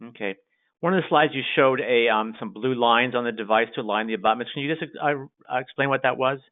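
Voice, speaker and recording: Man, Canadian accent, webinar moderator, halting, many fillers, tinny phone-line sound. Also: mid-range voice. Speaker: webinar moderator reading questions.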